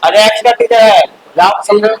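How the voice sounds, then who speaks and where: Male classroom teacher, strikingly high-pitched, quizzes and scolds students, faint hissy recording. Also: steady tone. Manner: quizzes students with quick questions and answers; scolding, chatty asides to students. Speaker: chemistry teacher. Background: faint hiss.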